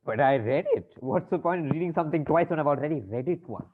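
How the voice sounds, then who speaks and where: A flustered, exasperated bank manager in a comic stage play stammers and fusses, his over-politeness sliding into frenzy as his patience wears thin. The male voice is fairly high, expressive and fast, heard on tinny, band-limited audio with faint noise.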